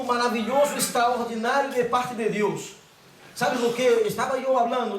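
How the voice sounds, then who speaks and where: A man preaching a sermon to a congregation, emphatic and repetitive, slowing down on key phrases and switching between Portuguese and Spanish. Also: high-pitched. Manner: emphatic, repeats words for stress, slows down on key phrases. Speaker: guest preacher. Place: church sanctuary. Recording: echoey church room, mic at a distance. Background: congregation calling out amens.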